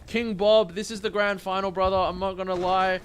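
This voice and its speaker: A man doing esports play-by-play commentary on a shooter match, in a caster's manner that moves between tense build-up and excited calls. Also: high-pitched, brisk, slight background noise.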